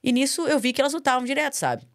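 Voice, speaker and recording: A young Brazilian woman from Espírito Santo, an MMA fighter appearing as a podcast guest, tells her story in a casual interview, earnest and animated, often tacking on tag questions. Her high voice swings widely in pitch as she races along. The recording is dry and studio-clean.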